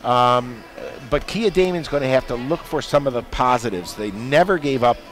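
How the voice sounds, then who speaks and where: A man giving color commentary after a basketball game, folksy and animated in his analysis. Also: medium pitch, normal speed, faint music behind. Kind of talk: postgame sports analysis. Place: basketball arena broadcast booth.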